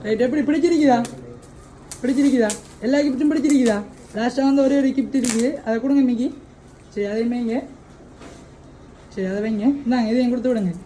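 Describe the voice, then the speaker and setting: A woman runs a birthday surprise, coaxing a child with repeated questions. Her voice is high and quick, with a mellow tone. There is faint background noise. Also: rough recording. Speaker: surprise delivery host.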